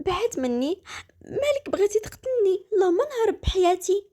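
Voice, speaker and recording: A woman's voice: very high voice, very animated, moderate pace, darkish tone, voice pushed up. A woman with a Moroccan accent voicing a frightened, tearful young wife who pleads. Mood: terrified.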